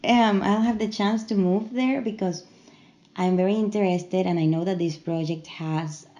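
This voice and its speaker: A woman's voice: mid-range voice, normal speed, dark tone. A woman interviewing a guest in a friendly, casual way. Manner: friendly, laughs often.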